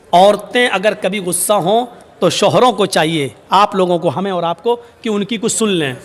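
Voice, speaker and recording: High male preacher, animated humorous sermon, echoing hall. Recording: long hall reverb.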